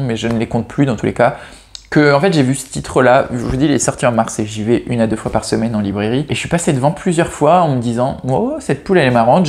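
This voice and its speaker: Mid-range and darkish in tone, this man's voice carries a loose, chatty review of novels. He frequently restarts and corrects himself, sounds hesitant, and likes to joke at his own expense.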